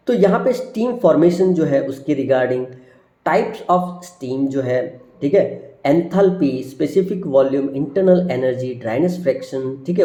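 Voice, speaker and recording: Mellow-voiced engineering teacher, roomy sound. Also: male voice, fairly high pitch. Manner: addresses viewers as friends, repeats "ठीक है" constantly; lists terms one by one, falling at each item. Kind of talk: subject introduction lecture over slides.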